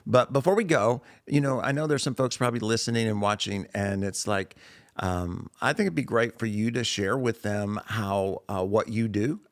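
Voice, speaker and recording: A man's voice: lowish voice, normal speed, dry recording, clean studio sound. A man with an Arkansas accent hosting an interview podcast in a folksy, encouraging, conversational way. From Arkansas, United States. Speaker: podcast host.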